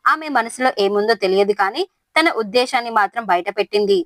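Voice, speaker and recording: A woman voicing a curious teenage girl who asks questions calmly. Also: mid-range voice, quick pace, no room sound, lightly acted. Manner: calm, inquisitive.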